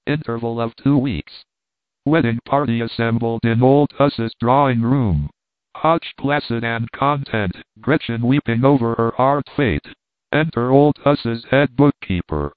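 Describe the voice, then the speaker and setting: A man's voice: medium pitch, a little slow, dry recording. A man narrating an audiobook in a dry, wry storytelling manner. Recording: dry, tinny phone-like sound.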